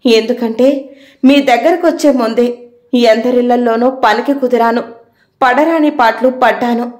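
Woman doing a timid young servant girl, deferential, pleading, higher voice, echoey room. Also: a little mellow, close to an everyday voice.

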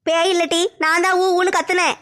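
A woman playing a teasing old grandmother who scolds with quick banter. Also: very high-pitched, level tone, a bit bright.

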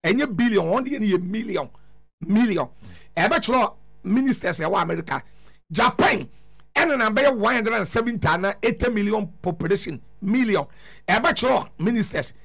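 A man's voice: sits high, lively intonation, moderate pace, creaky, fairly bright tone, slightly rough. A middle-aged Ghanaian man giving emphatic political commentary as a studio radio guest, repeating words for effect. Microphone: studio broadcast microphone.

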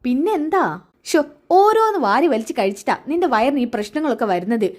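A woman voicing a scheming, sharp-tongued middle-aged mother who scolds her daughter. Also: high voice, expressive, brisk. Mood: scolding. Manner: scolding, exclaiming.

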